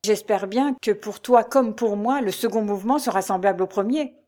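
A hot-tempered old colonel with brisk, emphatic exclamations, as a woman narrator voices him in a storybook reading. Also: mid-range voice, warm tone, lightly acted.

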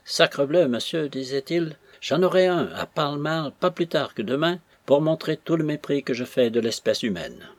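A man's voice: on the high side, lively intonation, normal speed, hardly any pauses, no echo, natural voice. Man doing a blustering old major. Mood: indignant. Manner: blustering, bragging exclamations. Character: blustering old male army major, pompous and indignant.

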